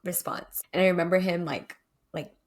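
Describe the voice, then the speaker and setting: Reflective young woman co-host, slightly low gravelly voice, candid podcast chat full of fillers. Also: moderate pace. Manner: reflective, many "like" and "right?" fillers.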